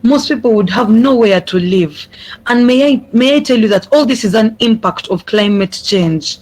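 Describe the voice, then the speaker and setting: A young speaker from Uganda addresses an online summit. The delivery is earnest and heartfelt, at a mid pitch, repeating key phrases for weight. The audio comes through a video call. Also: animated, moderate pace, a little mellow, poor audio. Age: young adult. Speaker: youth speaker. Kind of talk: prepared speech at an online summit.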